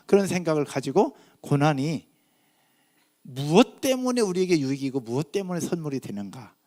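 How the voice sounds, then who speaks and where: Animated, high-voiced Korean pastor preaching. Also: male voice. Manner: emphatic, rising and falling delivery with rhetorical questions. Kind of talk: sermon.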